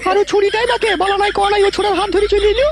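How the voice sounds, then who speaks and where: A woman voicing a hot-tempered, crude mother-in-law who curses in shrill tirades in a comedy cartoon. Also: level tone, very fast. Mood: scolding.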